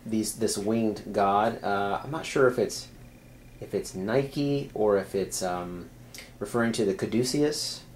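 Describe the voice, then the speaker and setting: This video creator explains symbols to his viewers in a casual, unscripted way, full of fillers and restarts. His voice sits on the low side and moves at a measured pace, with a slight hiss or hum underneath.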